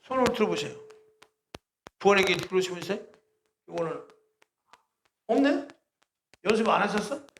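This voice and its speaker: Emphatic preacher with a high, gravelly voice. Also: male voice, lively intonation, normal speed, long pauses, fairly bright tone, a little hiss or hum. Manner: emphatic, full of rhetorical questions to the congregation. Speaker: pastor. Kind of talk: sermon. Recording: roomy echo.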